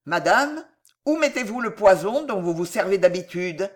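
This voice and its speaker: A man voicing a stern magistrate confronting his wife, calm and cutting in a storybook reading. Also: sits high, unhurried, heavily acted. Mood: cold. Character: cold stern magistrate husband.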